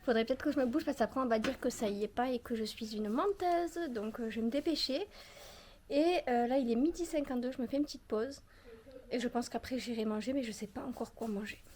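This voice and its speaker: A woman's voice: on the high side, brisk, a little mellow. A young woman from the Perpignan area with a southern French accent, chatting casually to her viewers as she goes about chores on her terrace. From southern France, Perpignan area. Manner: chatty, self-mocking, talks to the viewers while doing chores. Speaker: vlogger. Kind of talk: casual chat. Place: outdoors on a home terrace.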